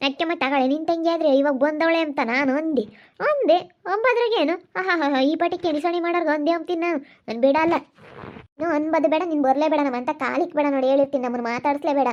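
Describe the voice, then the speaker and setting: Woman doing a quarrelsome village lady, high voice, dull lo-fi audio. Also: steady tone, close to an everyday voice. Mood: aggrieved. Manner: scolding, rapid back-and-forth bickering. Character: quarrelsome village woman, sharp-tongued and defensive. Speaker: village skit actor. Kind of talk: amateur village skit acting.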